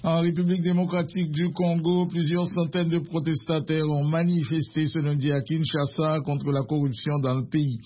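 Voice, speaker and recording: A man anchoring a radio news bulletin, reading in a measured, formal way. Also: on the high side, level tone, slightly rough. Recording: muffled radio broadcast.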